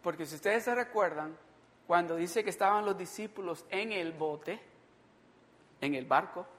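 A woman pastor preaching a Sunday sermon, building to fervent near-shouts. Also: fairly low pitch, moderate pace. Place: church sanctuary. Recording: hall reverb.

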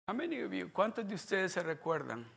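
A man in his fifties preaching a sermon as a pastor, going from quiet, low-key talk to loud, fervent preaching. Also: very animated, brisk, creaky, breathy edge. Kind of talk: bilingual sermon.

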